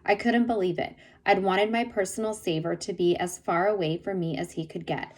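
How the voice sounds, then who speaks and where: A woman reading a novel chapter aloud in steady storytelling narration. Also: medium pitch, brisk, poor audio. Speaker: reader.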